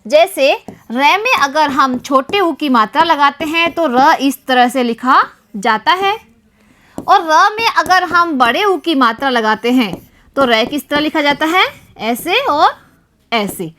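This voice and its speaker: A woman's voice: high-pitched, expressive, a bit bright. A woman teaching a primary school Hindi lesson, speaking to young pupils and stressing each syllable with care. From Rajasthan, India. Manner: addresses pupils repeatedly, stresses syllables slowly and deliberately. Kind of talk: classroom lesson for young children.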